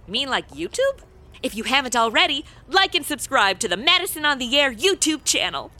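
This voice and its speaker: Snarky modern american girl in an audio comedy, bright voice, bouncy pitch. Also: sing-song, brisk, exaggerated voice. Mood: flippant. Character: flippant modern young woman stranded in the past. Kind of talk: comedy audio drama acting.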